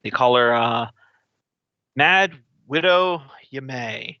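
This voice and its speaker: A man's voice: medium pitch, lively intonation, slow, no echo, highs cut off. A man, running a tabletop game as game master, moving between narration and casual chat. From United States.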